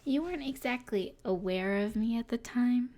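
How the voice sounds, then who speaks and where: Her voice fairly high and mellow, a woman takes on the role of a haughty, mysterious evil sorceress who teases smugly in a close-up ASMR roleplay. There's a breathy quality to her speech, which moves at normal speed and is only lightly acted.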